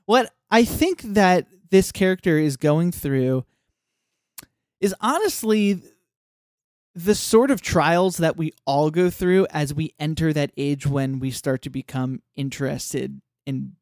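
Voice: medium pitch, animated, takes it slowly, darkish tone, no echo, studio quality. A podcast co-host casually recapping a cartoon episode, rambling with lots of "like" and acting out quoted lines. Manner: rambling, many "like" fillers.

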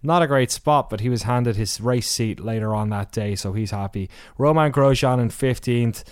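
A man's voice: medium pitch, normal speed, dry recording, studio quality. A man hosting a podcast, giving a casual race recap with wry asides, rambling through many fillers and restarts. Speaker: podcast host.

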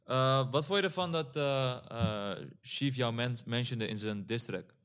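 A man's voice: mid-range voice, measured pace, a bit bright, clean tone. A man interviewing in a casual chat, asking short questions and agreeing.

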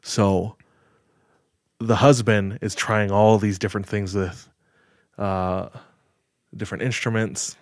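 A man casually retelling a story on a podcast, measured and full of filler words. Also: lowish voice, little pitch movement, dry recording, clean studio sound. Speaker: podcast host telling a story.

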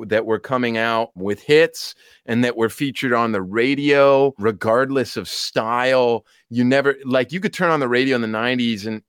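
A man in his thirties co-hosting a casual music chat, telling stories excitably and acting out the dialogue. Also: medium pitch, smooth, no echo, clean studio sound. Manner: excitable, acts out dialogue in quotes. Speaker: podcast co-host. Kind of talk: casual chat, animated storytelling.

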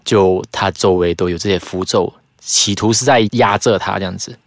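A man's voice: low-pitched, normal speed, dry recording. A man, casually telling a ghost story as a guest. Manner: animated ghost story with laughs.

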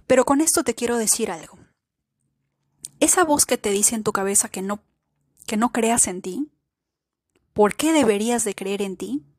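A woman's voice: on the high side, expressive, moderate pace, pauses often, a little mellow, no room sound, studio quality. A woman hosting a spiritual self-help podcast, speaking earnestly and posing many rhetorical questions to the listener. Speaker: podcast host. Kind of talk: reflective spiritual podcast talk.

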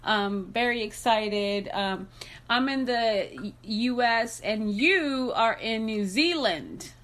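A woman's voice: fairly high pitch, animated, slow, a bit bright. A woman hosting a podcast over a video call, upbeat and bubbly, with lots of fillers as she talks. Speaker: podcast host. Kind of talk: casual interview chat.

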